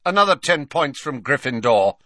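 A man's voice: medium pitch, very animated, measured pace, bright, forceful tone, no echo, studio quality, voice pushed up. A man voicing a cold, sneering male teacher with a bored, mocking drawl.

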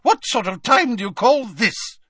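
A man voicing a haughty, grumpy portrait of a woman who was woken at night, in a shrill, snippy voice. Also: sing-song, measured pace, a bit bright, husky, dry recording, studio quality, full character voice.

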